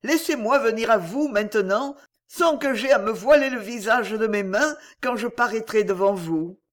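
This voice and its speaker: A man's voice: high voice, sing-song, unhurried, full character voice. A man reading aloud, voicing a devout young blind girl in fervent prayer to God.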